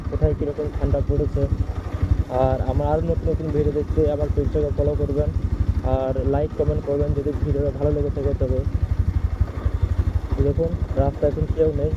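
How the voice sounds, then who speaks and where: A man vlogging casually from inside a helmet as he rides a motorbike, repeating himself as he chats to his followers. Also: on the high side. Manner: repetitive, talking while riding a motorbike. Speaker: motovlogger addressing followers. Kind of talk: casual vlog chat while riding. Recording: muffled lo-fi, loud engine noise. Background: motorcycle engine and road noise.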